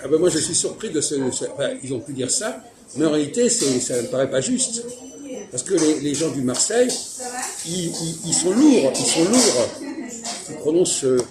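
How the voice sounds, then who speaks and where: A man's voice: fairly high pitch, animated, fairly quick, crowd noise. A man hosting a casual philosophical chat, asking questions and pushing back insistently while explaining his view. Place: fast-food restaurant. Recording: loud music playing behind.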